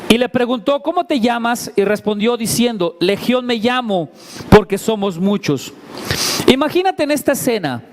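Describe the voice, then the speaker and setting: A man with a strikingly high voice leads a sermon, turning scripture into a vivid scene. He keeps drawing the congregation in with questions, over a faint hum of background noise. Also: expressive, moderate pace. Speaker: pastor. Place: church service before a congregation.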